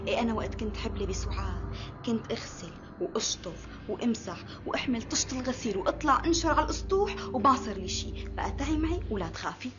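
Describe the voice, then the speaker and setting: An actress playing a resentful young Damascene wife who complains sharply in a period TV drama, with a Damascene Syrian accent. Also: female voice, a little high, expressive, quick pace, lo-fi sound, noisy background, lightly acted. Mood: coaxing. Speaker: first wife.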